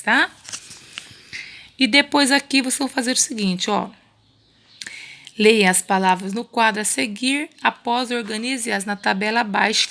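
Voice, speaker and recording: Gravelly-voiced woman teaching young kids. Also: mid-range voice, bright, forceful tone. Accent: Brazilian Portuguese. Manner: patient, coaxing, repeats words slowly. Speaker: primary school teacher. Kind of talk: remote Portuguese lesson.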